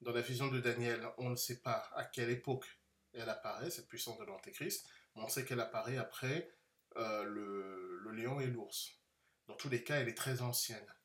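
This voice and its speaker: A man's voice: medium pitch, a bit bright. Man teaching scripture in an echoey room. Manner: measured, explanatory, with frequent hesitations. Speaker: Bible teacher. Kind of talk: unscripted Bible teaching.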